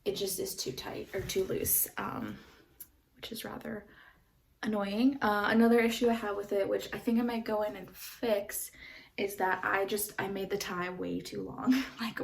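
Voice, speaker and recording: A woman's voice: mid-range voice, gravelly, far from the mic. A woman vlogging casually about her knitting, rambling with lots of fillers and sounding stuffy from a runny nose. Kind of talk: casual show-and-tell chat.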